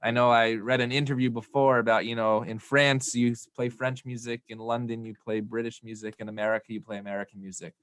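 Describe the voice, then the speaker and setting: A man's voice: medium pitch, flat delivery, fast talker, hardly any pauses, a bit bright, clean tone, no echo, studio quality. A man hosting an interview, asking long, rambling questions with fillers. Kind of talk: live online interview.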